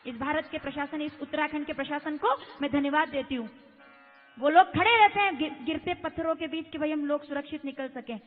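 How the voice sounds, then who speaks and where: A woman with a very high, piercing voice preaches an impassioned devotional sermon. She keeps throwing rhetorical questions at a large crowd. Her voice rings through a long, echoey space on a tinny, phone-like recording, with faint music behind. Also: a little fast. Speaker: kathavachak preacher. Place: large religious gathering.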